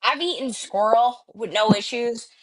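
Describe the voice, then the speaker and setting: Streamer, woman, thirties, playful and teasing, slightly raised pitch. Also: moderate pace, a crowd in the background, poor audio. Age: 30s. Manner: teasing, jokey. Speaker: live-stream host. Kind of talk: casual chat.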